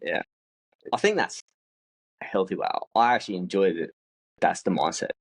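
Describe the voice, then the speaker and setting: A man's voice: sits low, moderate pace. A young man chatting casually on a podcast, laid-back and reflective, with casual swearing. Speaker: podcast co-host. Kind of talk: casual chat.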